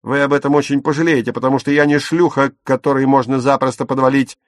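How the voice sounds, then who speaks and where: A proud young woman who gives orders and scorns those around her. A male audiobook narrator puts her on, lifting his low voice into a sharp, forceful, commanding tone. The recording is dry and close. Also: moderate pace, no room sound, lightly acted. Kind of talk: audiobook character reading.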